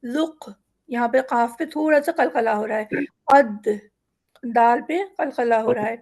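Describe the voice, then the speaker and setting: High-voiced woman teaching Quran reading. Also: a little mellow. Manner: explains patiently, slowly drawing out example words for students to repeat; mixes English words into her speech. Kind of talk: step-by-step lesson explanation.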